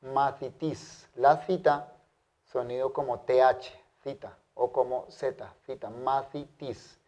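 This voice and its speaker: A male teacher leads a measured language lesson, sounding out each word deliberately and repeating it for clarity. His delivery is unhurried, with a dark, mellow tone. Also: mid-range voice, fairly even intonation. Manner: careful, drawn-out pronunciation drills. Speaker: Greek teacher.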